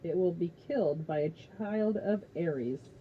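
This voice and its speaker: A woman's voice: lowish voice, unhurried, dull audio, a little hiss or hum, natural voice. A woman doing a hesitant young seer girl. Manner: hesitant, puzzled. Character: uncertain teenage girl seer.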